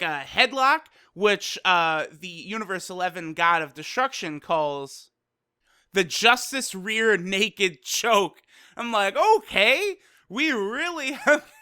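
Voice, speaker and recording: A man's voice: sits high, pushed and bright, clear, resonant tone, dry recording, studio quality. A young man casually reviewing an anime episode, talking loosely and profanely with lots of "you know" and "like.".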